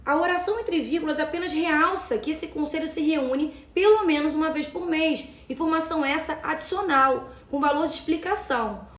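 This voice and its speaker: A woman's voice: high voice, moderate pace, hardly any pauses, fairly bright tone, echoey room. A woman from Brazil teaching Portuguese grammar for exam prep, walking through each answer option methodically and adding little check-in questions. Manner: adds tag questions "tá?" and "né".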